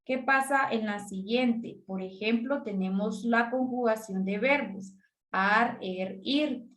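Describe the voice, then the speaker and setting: A woman teacher walks pupils through worksheet exercises step by step, asking and answering her own questions. Her voice sits a little high. The recording has a noticeable room echo. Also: slow, fairly bright tone. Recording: echoey room.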